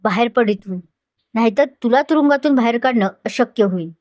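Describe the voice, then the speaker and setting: A woman's voice: on the high side, fairly quick, a little mellow, no room sound, natural voice. A woman voicing a possessive, hot-tempered young man with a commanding, intense manner, in a dry close recording. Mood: angry.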